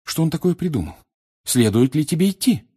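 A man reading an audiobook and voicing a clever, anxious teenage schoolgirl who talks quickly and worriedly. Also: fairly low pitch, sing-song, husky, full character voice. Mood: eager.

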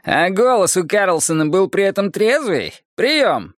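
Scrawny pimply young cop, a guy voicing him, blunt and mocking, pitched up high. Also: big pitch swings, unhurried, no room sound, clean studio sound. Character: pimply skinny young policeman driving, gruff.

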